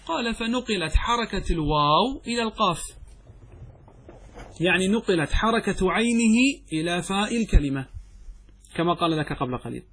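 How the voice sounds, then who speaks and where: A man teaching Arabic grammar as a sheikh in a classroom lecture, explaining step by step, asking students questions and answering them himself, and reading quoted lines slowly. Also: high-pitched, animated, fairly bright tone, breathy edge. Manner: reads quotations from the text slowly and deliberately.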